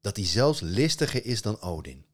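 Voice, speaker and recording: A man's voice: lowish voice, sing-song, normal speed. A man voicing a clever, outspoken young farm girl. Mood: insistent.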